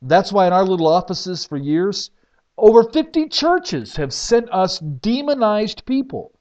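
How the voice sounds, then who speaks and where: A man preaching as a pastor, telling stories in an emphatic way with sudden swings between loud and soft. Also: high-pitched, sing-song, a little slow. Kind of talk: sermon testimony. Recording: dull lo-fi recording.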